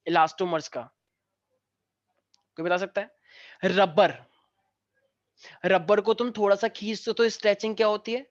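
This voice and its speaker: A male physics teacher, teaching a class online, who mixes jokey stories into the lesson and dictates notes slowly. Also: sits high, little pitch movement, no echo. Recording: dry, dull lo-fi sound.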